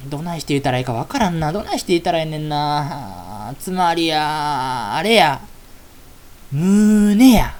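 A sly, gossiping fairy girl, played by a woman in a comic storytelling piece. She speaks with a Kansai accent in a lower, hushed voice and keeps dancing around the point before she says it. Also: expressive, moderate pace. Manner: hushed, coy, roundabout.

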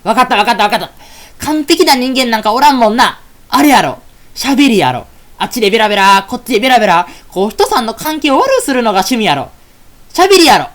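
A woman voicing a dim, nosy, excitable little fairy girl, speaking with a Kansai accent and blurting out wild guesses. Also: fairly high pitch, fast. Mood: teasing. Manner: loud, blurting, guessing wildly.

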